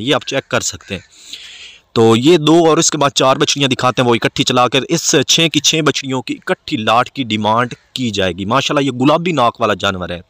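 A man, hosting a channel and giving a repetitive, salesman-like voice-over pitch for livestock. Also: fairly bright tone, no echo. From Pakistan. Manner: salesman-like, repetitive, addresses viewers as friends. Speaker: channel host selling cattle.

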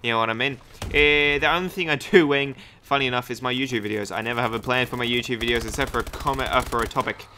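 A young gaming YouTuber gives hyped, rambling, self-deprecating commentary over his own gameplay, with game gunfire in the background. He talks fast at medium pitch with a bright, forceful tone and barely any pauses, and there's a little hiss or hum.

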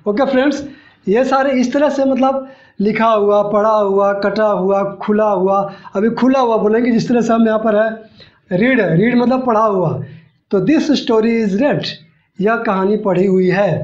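A man's voice: high voice, a little mellow, echoey room. A man teaching a spoken-English lesson in Hindi, explaining patiently and repeating examples, with frequent "okay friends". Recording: dull lo-fi recording.

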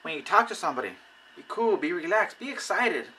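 Man, casual how-to talk, animated, slightly high voice, bright tense tone. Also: fairly quick, a little hiss or hum, low-quality recording. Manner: animated, acts out conversations. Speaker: network marketing recruiter.

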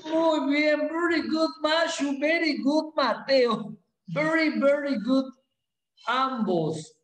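A male English teacher teaches a class in a playful, animated way and quizzes his students. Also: very high voice, very slow, reverberant, rough recording. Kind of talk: classroom lesson.

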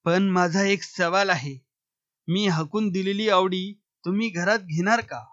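A defiant village man , read by a male narrator, pushes back in a blunt, challenging way. His voice sits high and moves slowly. The recording is dry and muffled. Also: a bit bright, no room sound. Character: defiant young village man standing firm.

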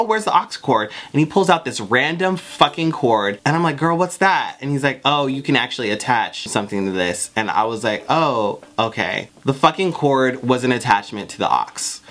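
A young adult American vlogger with an androgynous voice, telling a story in casual, sassy, animated chat with plenty of swearing. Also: mid-range voice. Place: small bedroom, indoors. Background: background music.

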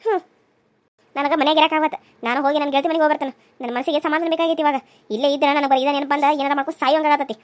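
A woman's voice: high-pitched, fairly even intonation, racing, natural voice. A woman voicing a bitter, betrayed young wife in a cartoon serial, grieving and reproachful. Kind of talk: cartoon voice acting.

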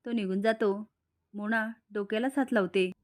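A woman retelling a TV serial episode, briskly quoting each character. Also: medium pitch, steady tone.

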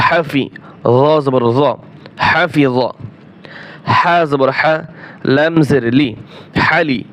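A man teaching Quran reading, slowly spelling each Arabic letter with its vowel, repeating syllables for learners and asking and answering his own questions. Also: on the high side, fairly bright tone. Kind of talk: slow drilled recitation lesson.

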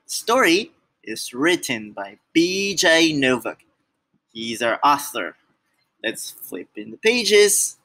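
A man reads a children's book aloud, speaking to the young listener directly. He is playful and over the top. His delivery is very slow and drawn out, with pitch that leaps around. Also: sing-song, bright, forceful tone. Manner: playful, exaggerated, talks straight to the child. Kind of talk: reading a storybook aloud to kids.

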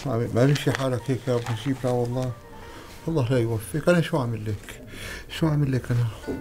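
A man's voice: mid-range voice, racing, close to an everyday voice. An actor playing a stingy, scheming Damascene man who wheedles and whines, with a Damascene Arabic accent. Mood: frightened muttering. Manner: wheedling, whining, muttering prayers in fright. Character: stingy scheming middle-aged Damascene man Abu Najib. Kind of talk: Syrian TV comedy drama. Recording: TV drama audio with music behind.

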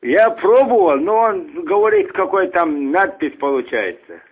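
A man from Dagestan with a Dagestani accent, calling in with halting, hesitant, naive questions. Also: high-pitched, sing-song, husky. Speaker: caller. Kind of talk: phone call. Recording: tinny narrow-band phone line.

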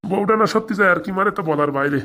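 A bumbling village priest in a cartoon, voiced by a performer, quick-talking and defensive. He fumbles his chants and grumbles back at his nagging wife. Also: medium pitch, sharp tone, natural voice. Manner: defensive, stumbling over chants. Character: bumbling poor village priest man, henpecked. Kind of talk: comic cartoon voice acting.

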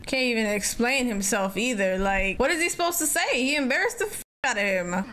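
Blunt young woman with a high voice. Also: expressive, a little fast. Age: young adult. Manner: blunt, teasing, swearing. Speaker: film reaction host. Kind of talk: casual, slangy reaction commentary. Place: indoor gaming room. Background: film sound and music.

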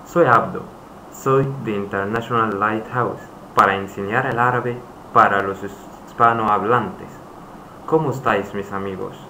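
A man teaching a lesson in a slow, halting way, repeating phrases for his students. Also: fairly low pitch, fairly even intonation, sharp tone. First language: Arabic. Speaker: Arabic teacher. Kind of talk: screen-recorded language lesson. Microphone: voice-over on screen recording. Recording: echoey room, faint hiss.

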